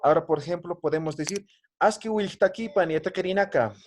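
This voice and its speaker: Patient male language teacher, slightly high voice. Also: fairly quick. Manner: patient, drills greetings, ends phrases with "¿no?". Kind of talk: online class.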